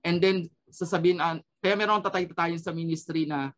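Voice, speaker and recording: A man's voice: fairly high pitch, fairly even intonation, brisk, a bit bright. A man sharing an earnest personal testimony as a radio program guest, switching between Tagalog and English and often adding a questioning "no?".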